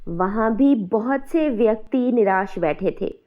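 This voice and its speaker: A woman narrating a scripted cartoon moral story in an even storytelling voice. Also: on the high side, a little slow. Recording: dull, muffled sound.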